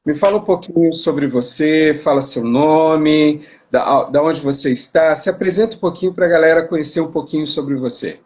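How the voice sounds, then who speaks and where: A man's voice: on the high side, normal speed, hardly any pauses, a little mellow. A man from Brazil hosting a casual live-stream interview, talking in a chatty way with many restarts, recorded on a phone. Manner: chatty, repeats words and restarts. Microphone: phone on a live video stream.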